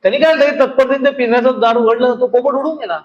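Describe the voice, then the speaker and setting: Very high-voiced man giving a spiritual talk. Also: lo-fi sound. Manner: explains slowly, tells stories, chants verses drawn out. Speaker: spiritual teacher. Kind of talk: devotional discourse with parables.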